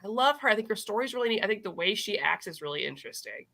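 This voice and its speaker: A woman with a bright, forward voice co-hosts a casual comic book chat. She is gushing and enthusiastic, and slips into quoting characters as she retells the story. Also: medium pitch, lively intonation, rapid-fire, vocal fry. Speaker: co-host of a comic book review show.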